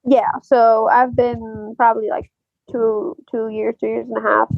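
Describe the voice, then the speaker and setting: A young woman from Algeria, a podcast guest, talks in a casual, hesitant way with many fillers and soft laughs. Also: a little high, level tone, a little slow, gravelly, dull audio, slight background noise. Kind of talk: casual interview chat.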